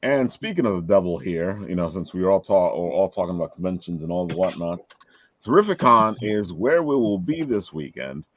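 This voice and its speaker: A man's voice: sits low, sing-song, fairly quick, highs cut off, slight background noise. A man with a Brooklyn accent hosting a show in casual, chatty talk. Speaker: host of a comics and convention talk show. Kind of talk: casual chat.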